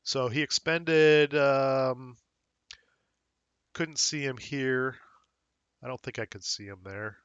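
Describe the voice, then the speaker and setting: A man hosting a wargame rules tutorial, talking casually and thinking aloud with fillers as he checks the rules, a little hoarse. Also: medium pitch, takes it slowly, pauses often, a bit bright, dry recording, muffled recording. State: slightly hoarse, losing his voice. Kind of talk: screen-recorded game rules walkthrough.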